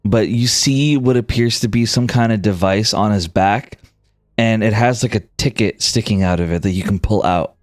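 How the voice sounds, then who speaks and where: A man's voice: fairly low pitch, normal speed, dry recording, studio quality. A man narrating a tabletop game casually as game master.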